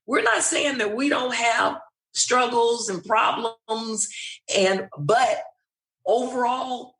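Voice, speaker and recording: A woman in her sixties, a retired math teacher, chatting as a guest in a relaxed, thoughtful way with many pauses. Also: on the high side, echoey room. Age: 60s. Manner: slow, thoughtful, with fillers. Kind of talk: casual interview chat.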